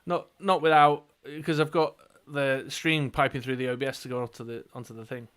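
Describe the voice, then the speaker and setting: A man with a mid-range voice chats at an easygoing pace about his card game team. He fills his talk with "uh" and "um" and reads card rules aloud. He keeps the tone casual and relaxed. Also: mid-range voice, fairly quick, smooth. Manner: chatty, many fillers, reads out card text. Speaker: co-host of a dice game stream. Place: indoors at a gaming table.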